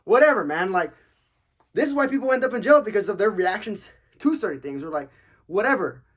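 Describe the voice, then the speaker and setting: On his podcast, an active-duty service member from Texas, USA, fields listener questions in a loose, chatty Q&A. He's a young man with a higher, slightly bright voice, talking briskly and with lots of animation. His manner is relaxed and jokey, full of slang and profanity.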